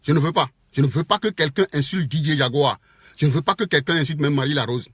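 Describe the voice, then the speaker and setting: High-pitched Togolese man lecturing hard. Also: fast talker, a bit bright, slightly rough, no echo, clean studio sound. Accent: Togolese French. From Togo. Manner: lecturing, repeats phrases, tags "quoi". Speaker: social media commentator. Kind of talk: impassioned Facebook video rant.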